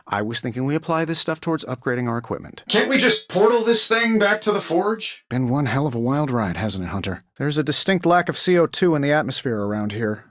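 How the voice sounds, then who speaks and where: Glib, animated Iron Man. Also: fairly high pitch, no echo, studio quality. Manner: glib, sarcastic, conversational. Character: wisecracking, cocky genius inventor superhero in armor. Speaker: video game voice actor. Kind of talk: video game character voice lines.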